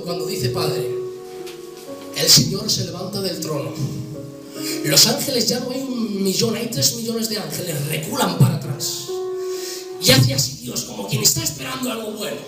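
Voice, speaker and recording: A man preaching a dramatic sermon, telling a story with passion and swinging from hushed to loud. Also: high voice, expressive, normal speed. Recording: echoey room from far off with music.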